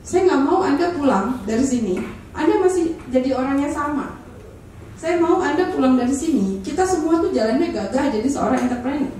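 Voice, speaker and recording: A woman's voice: sits high, animated, a little fast, mellow, a little hiss or hum. A woman running a live public speaking training, energetically asking her audience for agreement. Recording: echoey room, speaker far from the mic.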